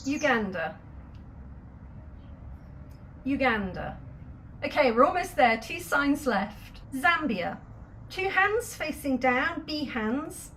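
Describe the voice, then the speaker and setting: A woman's voice: high-pitched, very animated, slow pace, long pauses, fairly bright tone, slight background noise. A woman teaching sign language, patiently explaining each sign step by step with light laughs. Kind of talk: instructional video lesson.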